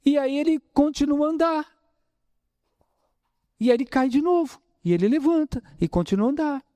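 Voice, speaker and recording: At normal speed and in a very high voice, a man delivers a spirited spiritist talk in a spiritist center hall, his Brazilian Portuguese carrying a São Paulo interior accent. He keeps calling the audience brothers and posing rhetorical questions, with no room sound audible.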